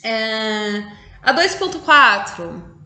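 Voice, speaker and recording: Slow, bright-voiced woman teacher, echoey room. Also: on the high side, very animated. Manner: patient, explains step by step, counts syllables aloud. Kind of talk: recorded online class.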